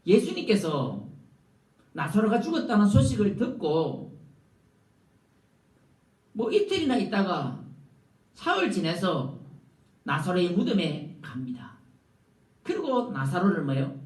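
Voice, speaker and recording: A male pastor preaching a sermon, often asking the congregation rhetorical questions and stressing words with big swings in pitch. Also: huge pitch swings, slow pace, pauses often. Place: church sanctuary. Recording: echoey church room, mic at a distance.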